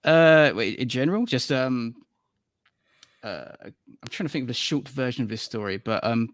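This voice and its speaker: A man's voice: medium pitch, moderate pace. A man in his late thirties, a guest on a casual panel podcast, telling stories in a rambling way and laughing easily. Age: late 30s. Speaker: podcast guest, animator and musician.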